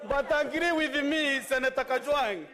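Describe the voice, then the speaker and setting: A man's voice: very high-pitched, moderate pace, pushed and bright, some chatter behind. A man with a Kenyan accent speaking as a senator in parliamentary debate, insistent and raising his voice, recorded in a large echoing chamber. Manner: insistent, raised voice. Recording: long echo of a large chamber.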